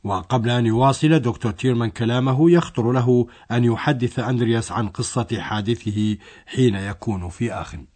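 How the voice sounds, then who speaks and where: A man's voice: mid-range voice, a little fast, darkish tone. A man narrating a scripted language lesson, explaining a dialogue step by step.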